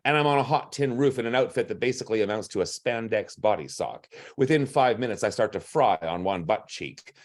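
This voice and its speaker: Brief: gruff male drag performer reading a comic personal story, wry timing, middle pitch. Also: darkish tone. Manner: wry, punchline-driven delivery.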